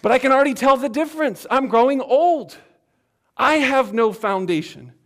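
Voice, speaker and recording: A man preaching a sermon as pastor, earnest and emphatic, swinging between loud passages and hushed ones. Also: very high voice, lively intonation, moderate pace.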